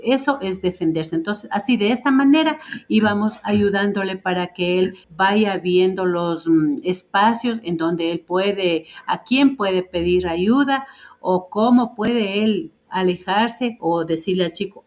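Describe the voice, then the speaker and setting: A woman, a parent taking part as a guest, telling a family story in conversation. She acts out the lines of quoted speech and pauses on hesitant fillers. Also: mid-range voice, darkish tone.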